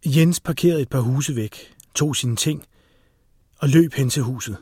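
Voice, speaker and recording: Husky-voiced male audiobook narrator. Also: medium pitch, dry recording, studio quality. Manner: steady, tense storytelling. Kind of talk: scripted narration.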